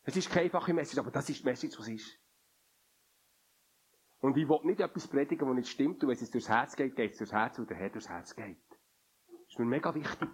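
A man preaching a sermon in an earnest, pleading way, his phrases often sinking to a quiet murmur. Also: animated, brisk, pauses often, slightly rough. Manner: earnest, pleading, drops to a low murmur at line ends.

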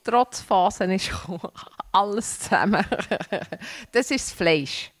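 A woman giving an informal devotional talk to a church group, earnest and unhurried, sometimes stopping to restart a word. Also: medium pitch, lively intonation, dry recording, studio quality.

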